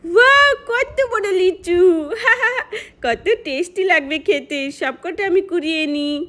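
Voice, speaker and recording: A woman's voice: high voice, normal speed, fairly bright tone. A woman voicing an eager, greedy little girl in a doll-play story. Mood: gleeful. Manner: gleeful, eager.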